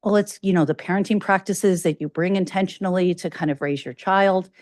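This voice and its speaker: A woman with a fairly low, darkish voice and a slight Chicago accent talks fairly quickly in clean studio audio with no room sound. She's delivering an academic grand rounds lecture in a conversational style, full of fillers, restarts and self-corrections.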